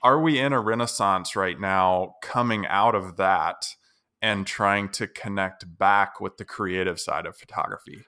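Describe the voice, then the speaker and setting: Male podcast host, low voice, bright smooth tone, long rambling questions. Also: measured pace. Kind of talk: conversational podcast interview.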